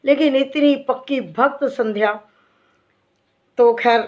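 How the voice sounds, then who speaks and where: A woman's voice: high voice, takes it slowly. A middle-aged woman, a devotee and bhajan singer, telling an emotional faith story to fellow devotees in a heartfelt, earnest way. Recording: dull lo-fi recording.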